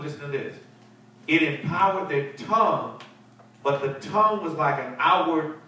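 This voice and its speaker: In a church fellowship hall with a seated group, a middle-aged pastor leads a Bible study with emphatic preaching, repeating words and calling for responses. His mid-range voice sounds pushed and bright. He uses a handheld mic but is heard from a far camera, so the hall sounds echoey and distant, with faint hiss.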